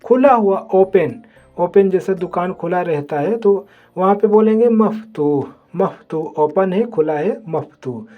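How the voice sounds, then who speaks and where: A teacher leading a slow vocabulary lesson, saying each word several times and checking in with the listener often. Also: medium pitch, expressive, phone-quality sound, soft background music. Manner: slow, repetitive drilling, says "ठीक है" often. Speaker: Arabic teacher. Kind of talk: vocabulary lesson, repeating words.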